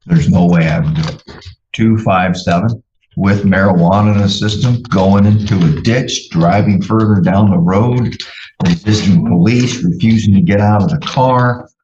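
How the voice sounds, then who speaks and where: Deep-voiced judge on a courtroom recording. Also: male voice, darkish tone. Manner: measured, procedural, pauses with fillers. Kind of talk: formal court proceedings. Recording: roomy, dull courtroom recording with faint hiss.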